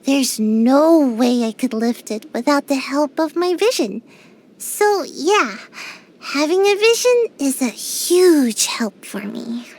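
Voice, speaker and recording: In these video game voice lines, a woman plays a small, sleepy girl ninja who is drowsy, sighs a lot, and always dodges work. Her voice is high and a little mellow, and the performance is heavily acted.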